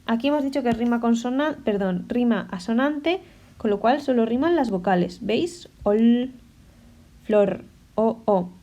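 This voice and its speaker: A woman language teacher explaining a topic to her class. She checks patiently with short questions and sounds out word endings slowly. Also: a little high, animated, mellow.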